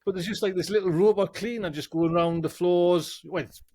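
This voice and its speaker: A man hosts a relaxed chat show. His voice sits slightly high and rambles along, full of asides. The sound is very dry and close. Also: fairly quick, no room sound. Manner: chatty, keeps asking "do you know what I mean". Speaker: host. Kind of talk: casual chat.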